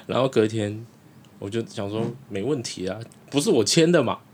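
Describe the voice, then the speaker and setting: A man's voice: fairly low pitch, animated, normal speed, darkish tone, a little hiss or hum. A man with a Taiwanese Mandarin accent co-hosting a podcast, telling a story casually and laughing often. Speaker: podcast co-host.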